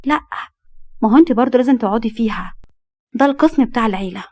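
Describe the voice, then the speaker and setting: Woman doing a friendly Egyptian young woman, chatty, raised pitch, dry close sound. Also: lively intonation, very fast, darkish tone, no echo. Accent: Egyptian Arabic. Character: cheerful, lonely young woman, friendly sister.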